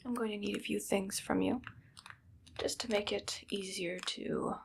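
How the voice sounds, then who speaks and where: This ASMR performer voices an irritable, menacing evil scientist, her whisper breathy and creaky as she hands out bossy orders and deadpan threats. She speaks a little slowly in a mid-range voice, with slight background noise, sounding ominous and businesslike.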